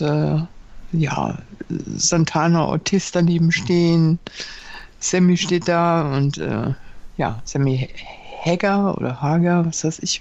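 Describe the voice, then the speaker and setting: Slow, hesitant woman on a dull line. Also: on the low side, a little mellow. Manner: hesitant, many fillers and restarts. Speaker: podcast co-host. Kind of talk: casual wrestling chat. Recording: dull, dry lo-fi sound.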